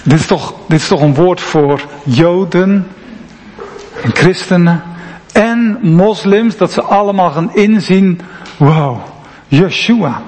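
A man's voice: high-pitched, lively intonation, takes it slowly, a little mellow. A man, a pastor, preaching an earnest, reflective sermon in a church. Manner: earnest, reflective, drops to near-whisper at times. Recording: long church reverb, faint ambient noise.

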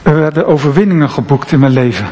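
A man's voice: on the high side, animated, fast talker, warm tone, muffled recording. A man, a pastor, preaching an earnest, reflective sermon in a church. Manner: earnest, reflective, drops to near-whisper at times. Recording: long church reverb, faint ambient noise.

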